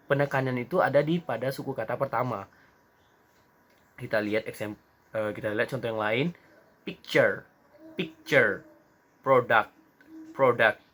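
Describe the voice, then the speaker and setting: A young man presenting a lesson from slides, talking slowly and haltingly with many fillers and restarts, mixing English terms into his explanations. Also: mid-range voice, fairly bright tone. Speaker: student presenter.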